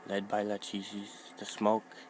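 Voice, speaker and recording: A man reading a fantasy book aloud in a measured, steady narration. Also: lowish voice, slight background noise, poor audio. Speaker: reader. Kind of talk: audiobook narration.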